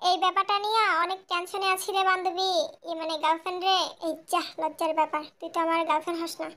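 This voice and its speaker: A rude, scheming young man, voiced by a woman in a home-made audio drama. He speaks coarsely in a lowered, rough voice that stays bright. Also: little pitch movement, fast talker. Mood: worried.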